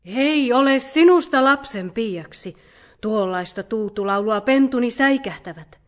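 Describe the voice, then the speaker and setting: A woman voicing a motherly, choosy female bear in a storybook reading, talking loudly and with emphasis. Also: a little high, expressive, close to an everyday voice.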